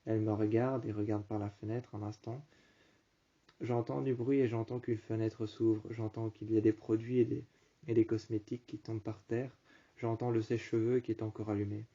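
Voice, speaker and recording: A man narrates a first-person story, slowly restating each phrase. His voice is very dark and flat in pitch. The recording sounds dull and lo-fi. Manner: slow, halting, repeats and rephrases phrases.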